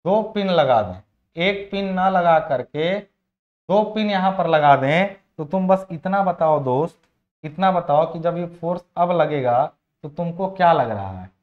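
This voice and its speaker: A man's voice: on the high side, expressive, unhurried. A man teaching engineering in a chatty classroom lecture. He repeats phrases, asks his students questions and slips English technical terms into his sentences. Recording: dull lo-fi recording.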